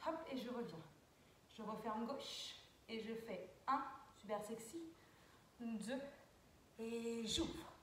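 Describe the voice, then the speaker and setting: A woman's voice: a little high, takes it slowly, pauses often, a little hiss or hum. A young woman dance teacher talking through a routine step by step, calling counts and sound cues as she moves. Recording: very echoey, far from mic.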